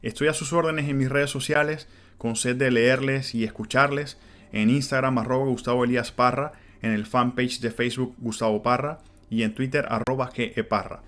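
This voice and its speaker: A man's voice: mid-range voice, fairly even intonation, moderate pace, a bit bright. Venezuelan guy in his 30s doing a solo podcast, earnest, chatty, lots of "este" and "pues". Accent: Venezuelan Spanish. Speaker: podcast host. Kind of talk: reflective solo podcast monologue.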